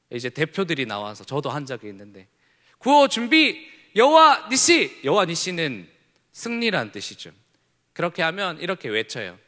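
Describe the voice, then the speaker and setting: Animated young pastor in a reverberant hall. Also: male voice, a little high. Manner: animated, swings between hushed asides and loud shouted slogans. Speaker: youth pastor. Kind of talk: sermon to teenagers. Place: church sanctuary.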